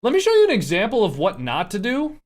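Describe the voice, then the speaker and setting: A young man streaming a game chats casually and indignantly, rambling with lots of fillers and restarts. His voice sits high, with wildly swooping pitch and a quick pace.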